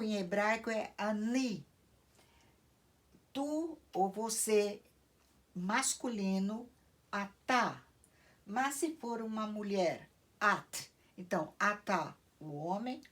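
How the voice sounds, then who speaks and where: A woman gives a lesson in a slow, unhurried voice. Her pitch sits in a middle range. She explains each point patiently, step by step. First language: Portuguese. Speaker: teacher. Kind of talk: slide lesson on the alphabet.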